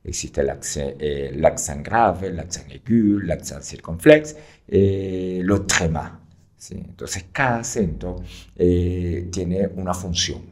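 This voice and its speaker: Slow deep-voiced man explaining. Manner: patient, frequent fillers, checks in with "¿sí?". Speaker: French teacher. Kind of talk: explaining in an interview.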